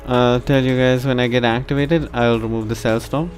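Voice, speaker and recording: A man from India casually commenting on a live stream, chatting to his viewers in a relaxed way. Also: mid-range voice, moderate pace, faint music behind. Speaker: live trading stream host.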